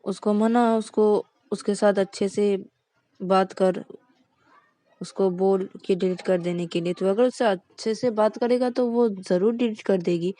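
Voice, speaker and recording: A woman's voice: mid-range voice, fairly even intonation, a little slow, warm tone, no room sound, lightly acted. Bossy young woman, done by a lady narrator, pushy advice, dry close sound. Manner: insistent, giving orders.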